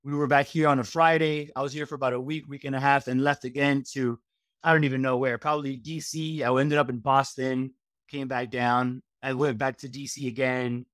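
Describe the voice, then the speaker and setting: A man's voice: medium pitch, flat delivery, brisk, fairly bright tone, no room sound, studio quality. A middle-aged man from Miami, a registered dietitian, chatting as a guest over a video call on a headset, rambling through long lists with frequent fillers. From Miami, USA. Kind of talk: casual interview chat. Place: home room, video call.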